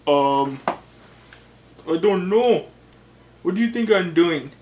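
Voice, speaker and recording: Guy putting on a high slow jamaican patois buddy, goofy and chill. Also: lively intonation, a little mellow, slight background noise. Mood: playful. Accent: Jamaican-style patois, put on. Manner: slow, sing-song, playful. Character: laid-back male buddy with Jamaican-style patois. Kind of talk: comedic skit character.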